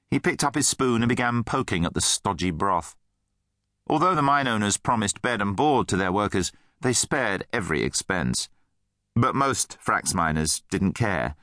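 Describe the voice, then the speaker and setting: A man narrating a children's fantasy audiobook in an expressive, animated storytelling manner. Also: lowish voice, no echo, clean studio sound.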